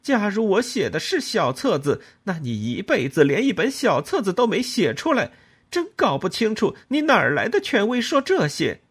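A man voicing a furious young woman who shouts cutting accusations in an audiobook. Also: high voice, sing-song, a little slow, few pauses, husky, voice pushed up, exaggerated voice.

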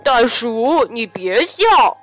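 A woman voicing a big, grumpy elephant who speaks in a huffy, heavy, slow way in a children's story. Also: fairly high pitch, sing-song, a bit bright, faint music behind, full character voice.

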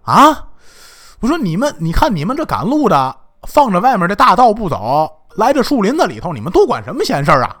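A man's voice: high-pitched, very animated, brisk. A male storyteller voicing a distraught, indignant man who scolds the people who cut him down from a noose. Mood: exasperated. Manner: scolding, rambling, exasperated. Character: distraught man at a hanging tree, indignant and long-winded.

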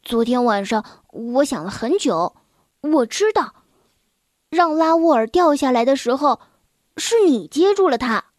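A woman's voice: high voice, sing-song, unhurried, a little mellow, no room sound, studio quality. A woman voicing a curious schoolboy who stammers and insists, in a children's story. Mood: puzzled.

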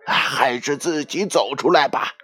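A hoarse, menacing wolf put on by a male storyteller. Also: mid-range voice, unhurried, soft background music. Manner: threatening, shouting into a burrow.

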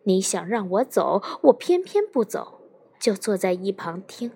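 A woman voicing a jealous, quick-tempered husband in an audiobook, speaking in a sharp, needling, sarcastic way. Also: high voice, animated. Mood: angry.

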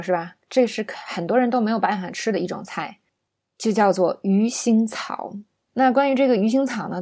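A woman teaching English vocabulary in a chatty, casual lesson, saying each word slowly so listeners can repeat it. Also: medium pitch, darkish tone. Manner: chatty, drills words slowly for repetition.

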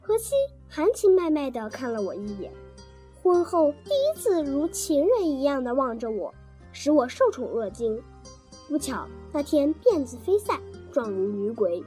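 A woman reading a first-person story aloud in an animated, playful way. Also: high-pitched, moderate pace. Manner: animated, playful voicing of scenes. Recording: dry close sound, faint music. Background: faint music.

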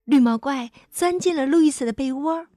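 A woman narrating a children's storybook in an expressive manner, stretching her sentence-final particles. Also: high-pitched, normal speed, dry recording, studio quality.

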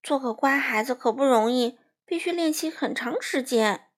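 A woman's voice: sits high, normal speed. A woman voicing a fussy know-it-all rabbit who keeps correcting the others.

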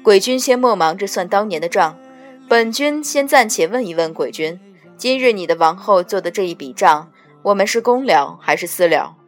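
Ye Hua, a woman doing a cold calm crown prince. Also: medium pitch, faint music behind, natural voice. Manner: calm, cold, measured threats.

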